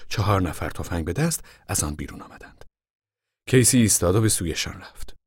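A man giving scripted audiobook narration in a steady, measured way. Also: no room sound, studio quality. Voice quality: husky, low.

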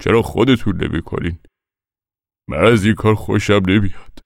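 A man's voice: fairly low pitch, gravelly, no room sound, studio quality, pitched above the performer's own voice. A man voicing a sullen middle-aged uncle who grumbles reluctantly. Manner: grudging and reluctant.

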